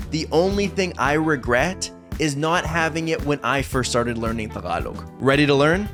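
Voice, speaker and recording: A man's voice: on the high side, a bit bright. A man with a North American accent, a native English speaker, speaking as a host and interviewer. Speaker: host and interviewer, language teacher. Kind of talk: casual interview and scripted narration.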